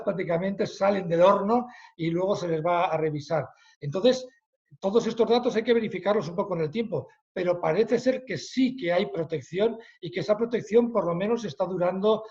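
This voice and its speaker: Male medical expert, Spanish accent, fairly high voice, hesitant, muffled online audio. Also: darkish tone. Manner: hesitant, many fillers, then quick explanations. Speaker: medical expert answering questions. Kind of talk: webinar Q&A.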